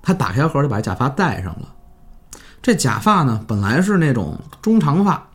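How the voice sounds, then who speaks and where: A man telling a horror story in casual chat, animated and swearing freely. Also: normal speed, soft background music. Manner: animated, jumps pitch for drama, swears casually.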